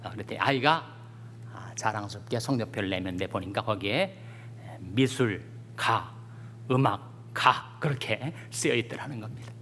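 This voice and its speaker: Male pastor, bright forceful tone, long church reverb; storytelling sermon turning fervent. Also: on the low side, lively intonation, normal speed, a little hiss or hum. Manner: folksy storytelling with jokes, rising to fervent scripture reading. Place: church sanctuary.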